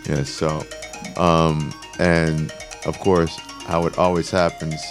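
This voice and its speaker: A man speaking as an interview guest in a casual conversational style, phrasing things haltingly, piece by piece. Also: very deep voice, little pitch movement, faint music behind.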